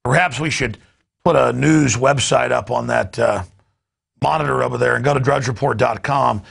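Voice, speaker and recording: A man's voice: mid-range voice, moderate pace, vocal fry, fairly bright tone, husky. A man hosting a news show in a studio, rambling off the cuff with stammering restarts.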